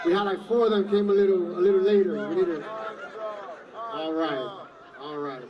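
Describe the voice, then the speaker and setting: A man's voice: high-pitched, steady tone, normal speed, lo-fi sound. A man emceeing a rally, hyping the crowd and calling up the next speakers. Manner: loud, hype-man shouting. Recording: distant mic, very loud crowd and noise.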